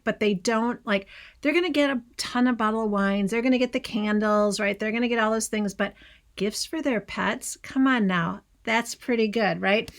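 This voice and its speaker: A woman with a Midwestern accent hosting a casual crafting tutorial, chatty and gushing, with asides to the viewer. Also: fairly high pitch. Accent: Midwestern American. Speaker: craft channel host.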